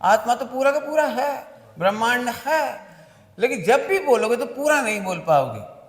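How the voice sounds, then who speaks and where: High-voiced guy teaching a class, keeps asking "got it?", long hall echo. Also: animated. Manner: keeps asking listeners if they understood; explains slowly with everyday examples. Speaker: religious teacher leading a workshop. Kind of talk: classroom-style religious discourse. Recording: reverberant hall sound.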